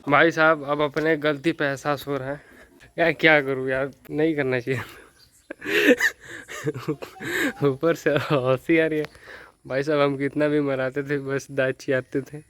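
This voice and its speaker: A young northern Indian man vlogs to camera, first out in the farm fields and then back home, in a chatty, rueful, self-mocking way. He often says "bhai sahab" and calls his viewers "brother." His medium-pitched voice is level, a bit bright and smooth, at a moderate pace.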